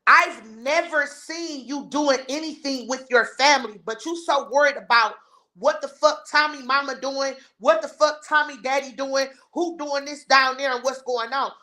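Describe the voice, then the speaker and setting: A woman on a live stream goes off in a heated, blunt and scornful rant as she reads and replies to her chat. The voice is high-pitched, pushed and bright, at a moderate pace.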